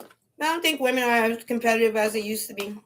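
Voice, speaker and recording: This solo livestream vlogger talks fast in a fairly high, fairly bright voice, chewing on food as she chats casually from home. Slangy, playful and opinionated, she comes through with slight background noise.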